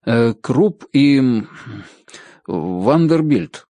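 A man's voice: medium pitch, lively intonation, very slow, warm tone, no echo. A man reading the part of a bewildered, flustered young man, speaking in a baffled, hesitant way.

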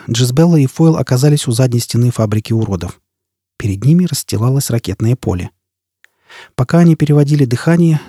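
Dark husky male narrator. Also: mid-range voice, dry recording, clean studio sound. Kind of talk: audiobook narration.

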